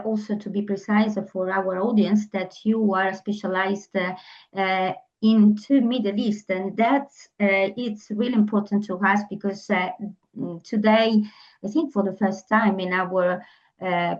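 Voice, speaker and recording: A woman's voice: mid-range voice, a little mellow. Woman podcast host, lots of uhs, kinda dull muffled mic. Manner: hesitant, many fillers. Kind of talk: interview introduction.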